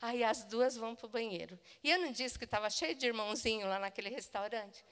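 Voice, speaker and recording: A woman pastor with a Brazilian Portuguese accent, preaching and telling an anecdote in an animated, laughing way. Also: a little high, brisk, clean tone, in a large hall. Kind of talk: sermon with a personal anecdote. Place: church auditorium.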